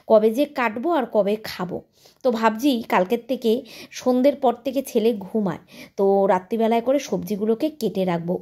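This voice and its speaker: A woman's voice: on the high side, a little mellow. Chatty Bengali-accented woman at home. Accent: Bengali (India). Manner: chatty, talks directly to viewers. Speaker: housewife vlogger. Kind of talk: casual home vlog chat. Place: home indoors.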